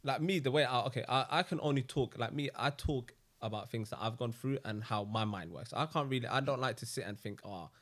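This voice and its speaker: A man's voice: mid-range voice, fairly quick, hardly any pauses, a bit bright. London man with roadman slang. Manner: street slang, roadman way of talking. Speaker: podcast participant. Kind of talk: casual podcast chat.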